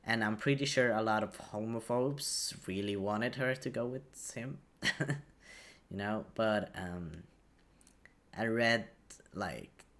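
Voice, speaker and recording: A man's voice: on the low side, a bit bright. A man giving casual video game commentary, hesitantly thinking aloud as he goes. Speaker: gaming commentator.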